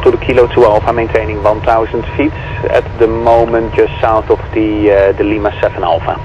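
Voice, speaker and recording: A man talking as a pilot over the radio in clipped aviation phrasing, pausing to hesitate mid-report. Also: lowish voice, flat delivery. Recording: muffled radio transmission with loud hiss.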